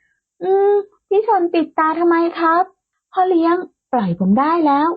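A woman's voice: extremely high pitch, animated, normal speed, voice pushed up. A woman voicing a small, stubborn young man who scolds and protests, with a tinny phone-like sound. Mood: protesting. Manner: scolding and sharp-tongued.

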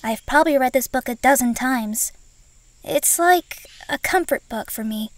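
Woman as a high-voiced shy schoolgirl. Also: measured pace. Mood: thoughtful. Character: shy, bookish young schoolgirl new in town. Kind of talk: comic dub voice acting.

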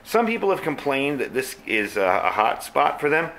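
A man's voice: medium pitch, big pitch swings, moderate pace, a bit bright. Easygoing man reviewing knives. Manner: easygoing, plainspoken, frequent fillers. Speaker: knife reviewer. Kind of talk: casual product review.

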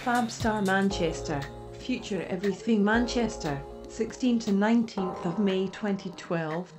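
A synthesized female robot voice reading out event details in a flat, even announcement manner. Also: mid-range voice, unhurried. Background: music.

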